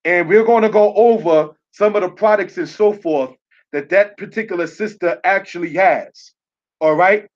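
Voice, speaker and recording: Dull lo-fi audio carries a high-pitched man speaking at normal speed as he teaches a religious lesson over slides online. He checks in with "all right?" and spells words letter by letter.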